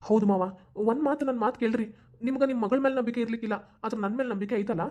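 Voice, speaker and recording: A woman voicing a calm, persuasive young husband in a cartoon, with a North Karnataka accent. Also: a little high, rapid-fire, close to an everyday voice. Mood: pleading. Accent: North Karnataka Kannada. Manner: coaxing, reassuring. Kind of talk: cartoon voice acting.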